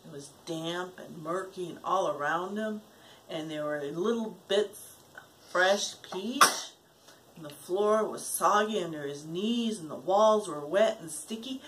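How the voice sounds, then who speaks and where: A grandmother reads a children's story aloud, dramatizing it with gasps, hushed passages, and questions for her young listeners. Her medium-pitched voice is unhurried, and the home recording is poor, with steady background noise.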